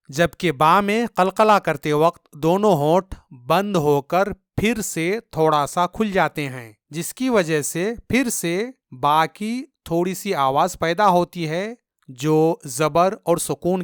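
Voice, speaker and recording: A man's voice: on the high side, fairly bright tone, clean tone, no room sound, clean studio sound. A male Quran reading teacher giving a patient, step-by-step lesson and repeating sounds for learners to copy.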